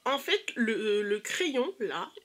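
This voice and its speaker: A woman's voice: fairly high pitch, sing-song, slow, fairly bright tone. A young woman with a stuffy nose, chatting casually and eagerly through a makeup haul with many hesitations. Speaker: beauty vlogger.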